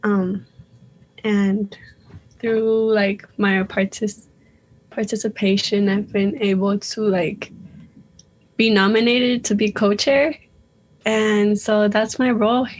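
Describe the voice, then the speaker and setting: A woman's voice: medium pitch, little pitch movement, slow, pauses often, low-quality recording. A young woman guest on a radio interview, speaking casually and hesitantly, with many likes and ums. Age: young adult.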